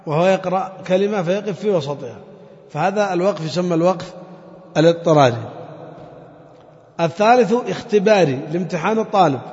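High-voiced man teaching recitation rules. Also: a little mellow. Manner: drills examples slowly, chanting Quranic phrases, quizzes students. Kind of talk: classroom lesson on Quran recitation rules. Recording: long reverb, dull lo-fi sound.

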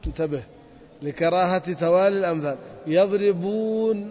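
A man with a high voice teaches a grammar class and keeps quizzing his students. He stretches the example words out slowly. The recording is dull, with a long reverb from the classroom. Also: a little mellow. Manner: drills students with questions, drawls out example words. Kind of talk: classroom lesson.

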